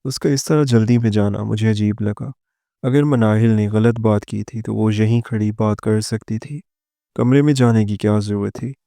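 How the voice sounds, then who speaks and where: Low gravelly male storyteller. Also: fairly even intonation, mellow, no room sound, studio quality. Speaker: narrator. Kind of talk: first-person story narration.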